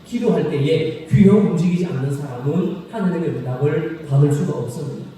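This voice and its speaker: A male pastor delivers a sermon in a church sanctuary, his slightly raised but deeply mellow voice reaching a distant mic. Long hall reverb wraps every phrase, with faint noise underneath. He asks the congregation questions and repeats the key phrases. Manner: slow, solemn scripture reading.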